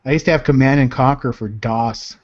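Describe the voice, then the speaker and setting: A man's voice: mid-range voice, fairly quick, a little mellow, dry recording. A man of about forty chatting casually online in a laid-back, slangy way. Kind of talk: casual online group chat. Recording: dull lo-fi close online voice chat.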